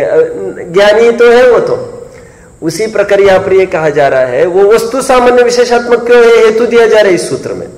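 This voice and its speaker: A man's voice: high voice, a little mellow. A man teaching Jain philosophy in a lecture, questioning students, repeating key points and chiding those who do not follow. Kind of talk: classroom lecture explaining a text. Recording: long reverb in a hall.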